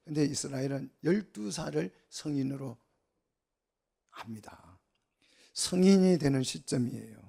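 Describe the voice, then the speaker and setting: A middle-aged man preaching a Bible sermon in a gravelly voice that sits a little high for a man. He keeps asking the congregation questions and answers them himself, pushing up with animated emphasis. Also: unhurried, long pauses. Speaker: pastor. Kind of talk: expository sermon.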